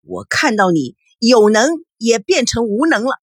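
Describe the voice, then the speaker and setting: A woman's voice: sits high, sing-song, moderate pace, pushed and bright, breathy edge, dry recording, studio quality, pitched above the performer's own voice, heavily acted. A woman voicing a hot-tempered middle-aged father who barks angry orders.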